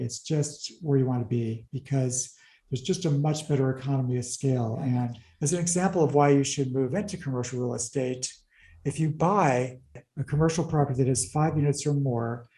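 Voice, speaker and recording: A man explaining real estate figures in an interview, talking fast through the numbers with wry asides. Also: medium pitch, fairly even intonation, mellow, echoey room, poor audio. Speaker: commercial real estate advisor.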